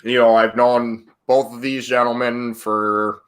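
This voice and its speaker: A man's voice: medium pitch, level tone, a little slow. A man hosting a casual podcast, talking in a friendly, rambling way and often correcting himself. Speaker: podcast host. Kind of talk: casual chat.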